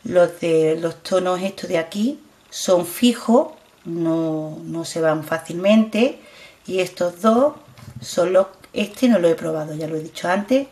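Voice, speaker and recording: Slow-talking Spanish woman showing lipsticks. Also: fairly low pitch, mellow. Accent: Spain Spanish. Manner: chatty, repeats herself, keeps urging viewers to look. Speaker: beauty vlogger. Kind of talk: casual product demo.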